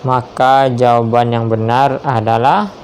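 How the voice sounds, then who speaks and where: A man slowly reading multiple-choice quiz questions aloud and confirming each answer. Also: medium pitch, steady tone, a little mellow, a little hiss or hum. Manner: measured, spells out each option, confirms answers with "ya".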